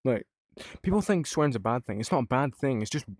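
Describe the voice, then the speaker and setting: A man's voice: medium pitch, lively intonation, fast talker, no echo, clean studio sound. A young British man from the UK chatting casually in a rambling vlog, swearing freely and using lots of fillers. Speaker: vlogger.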